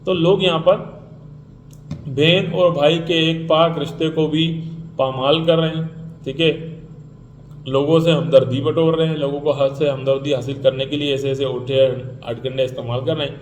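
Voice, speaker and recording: A man with a fairly high voice rants in an indignant commentary, repeating points and mockingly mimicking others. The room is echoey, with faint ambience behind him. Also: steady tone, slight background noise. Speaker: vlogger. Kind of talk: ranting commentary.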